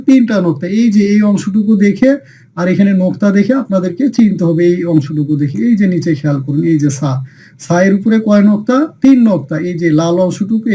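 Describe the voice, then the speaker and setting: A man with a fairly high, mellow voice leads a recorded class on reading the Quran. He works through the material with steady repetition, putting each question to his students and then answering it himself. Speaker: Quran teacher.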